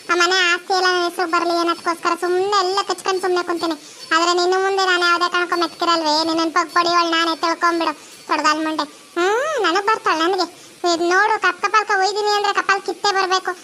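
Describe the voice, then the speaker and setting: A woman's voice: extremely high pitch, bright, forceful tone, slight background noise. A woman voicing a sly, bossy young sister-in-law who schemes and threatens, with a North Karnataka Kannada accent. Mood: scheming.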